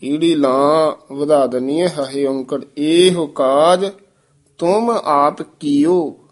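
A man teaching scripture pronunciation. He recites lines slowly and then explains corrections in quicker speech. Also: a little high, steady tone.

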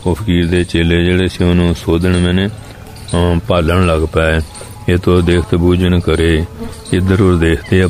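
Brief: male preacher, very monotone, recites a verse then glosses it calmly. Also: low voice, a little hiss or hum. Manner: recites each verse line, then explains it plainly; steady, even delivery with affirming fillers. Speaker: religious storyteller. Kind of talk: scripture exposition.

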